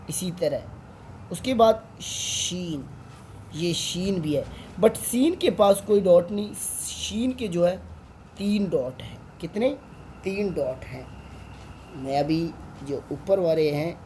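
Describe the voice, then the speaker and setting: A man's voice: fairly high pitch, dark tone, slight background noise. A man with a Pakistani Urdu accent, an online Quran tutor patiently teaching Arabic letters and drawing out each sound.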